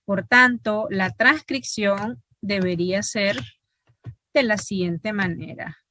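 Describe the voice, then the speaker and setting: A woman's voice: mid-range voice, steady tone, slow, sharp tone, a little hiss or hum. A woman teaching an online linguistics class. She explains step by step and often checks with her students by asking "¿verdad?".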